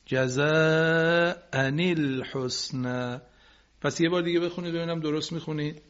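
A man teaching Quran recitation on a radio class, patiently correcting students and slowly modelling each phrase for them. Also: on the high side, little pitch movement. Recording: dull lo-fi broadcast recording.

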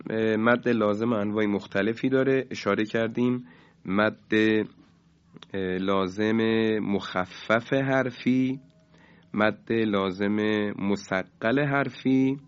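In a radio lesson, a man with a lowish voice teaches the rules of Quran recitation at a measured pace, drawing out key terms slowly and chanting example words louder. The highs in the audio are cut off.

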